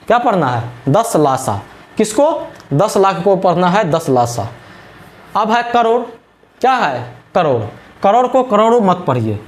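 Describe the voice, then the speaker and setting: A man teaching a maths lesson, asking questions and repeating the answers over and over. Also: sits high. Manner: repetitive call-and-response questioning. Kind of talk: classroom lesson explanation.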